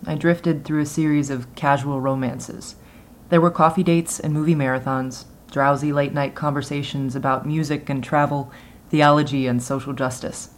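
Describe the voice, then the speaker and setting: A woman reading her own first-person memoir aloud in a measured, reflective way. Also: low-pitched, a little mellow. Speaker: memoir reader.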